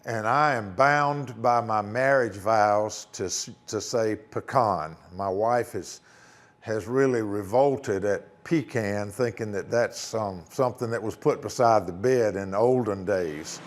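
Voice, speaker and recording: A man's voice: on the low side, measured pace. A married man who farms pecans, explaining in an interview with a dry, joking touch. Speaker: pecan farmer. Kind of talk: interview sound bite.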